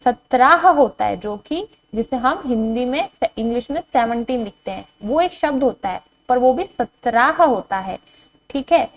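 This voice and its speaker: A woman teacher giving a board lesson to young children, reading each word out slowly and repeating it, then asking questions and answering them herself. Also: a little high, expressive, a little hiss or hum, rough recording.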